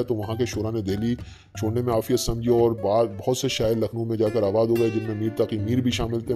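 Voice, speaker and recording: A man giving a conversational lecture, often checking in with his listeners and reciting verses slowly. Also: mid-range voice, dark tone. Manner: conversational, fillers and frequent "theek hai ji" asides. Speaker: teacher. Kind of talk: spoken lecture on language history.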